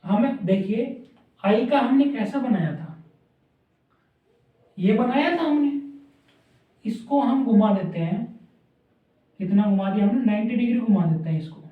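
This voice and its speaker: In a classroom lesson on shorthand, a man repeats sounds aloud while drawing the strokes. His voice sits high and comes out a little slow, with long pauses. The recording is dull and echoey, picked up by a distant mic.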